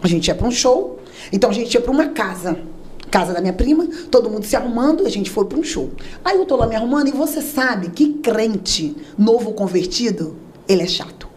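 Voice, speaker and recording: A woman with a high voice tells a church testimony in a lively, theatrical way. She slips into the voices of the people and the prayers she quotes. A faint noise sits behind her. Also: brisk. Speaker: testimony speaker.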